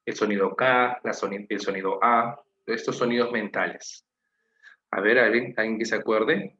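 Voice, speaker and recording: A man's voice: lowish voice, steady tone, normal speed, pushed and bright, roomy sound, lo-fi sound. A man with a Peruvian Spanish accent teaching an online class, patiently explaining and asking his students questions. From Peru.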